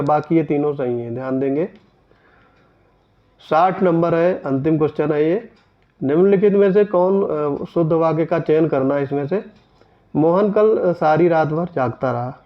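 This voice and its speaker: A man's voice: fairly high pitch, lo-fi sound. A male teacher going through mock test questions, reading each sentence and then correcting it in a methodical way. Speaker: exam coaching teacher. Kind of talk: explaining mock test answers.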